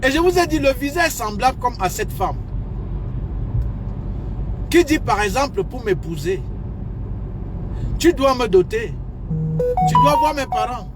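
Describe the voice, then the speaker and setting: A man's voice: very high-pitched, sing-song, a little slow, long pauses, music in the background. A man giving casual, emphatic advice in a vlog, repeating his points as he lectures. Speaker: advice vlogger.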